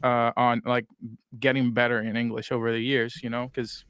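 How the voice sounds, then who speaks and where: A man in his twenties from Puerto Rico rambles through his story in a relaxed interview, using many fillers and speaking with a Spanish accent. His mid-range voice is clear, resonant, and fairly bright, with little pitch movement, a moderate pace, and no room sound.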